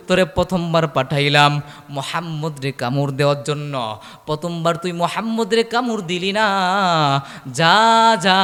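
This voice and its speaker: A man preaching voices an angry male dog owner who scolds his dog with drawn-out, rising calls. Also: fairly high pitch, fairly bright tone, big-room sound.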